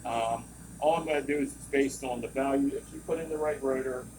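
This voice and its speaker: During a hands-on session, an equipment trainer with a mid-range voice talks briskly and informally, often digressing as he explains. Lab machines run in the room, and the distant recording carries loud compressor and vacuum pump noise.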